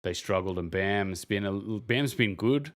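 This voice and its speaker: A man's voice: on the low side, a little slow. A man co-hosting a podcast, in rambling casual sports chat, acting out what he'd say to players. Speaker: podcast co-host.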